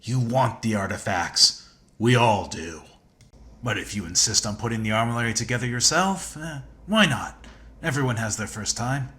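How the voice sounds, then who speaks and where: An actor playing a cynical, self-assured veteran hunter in a video game, speaking in a dry, sardonic and menacingly casual way. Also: male voice, mid-range voice, expressive, moderate pace, sharp tone. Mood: dry, insistent.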